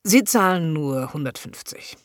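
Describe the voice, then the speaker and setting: Suave hypnotist, a woman reading him low. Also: animated, no echo, studio quality. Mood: smooth persuasive. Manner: slow, soft and coaxing, often near a whisper. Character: smooth-talking male hypnotist, suave and persuasive.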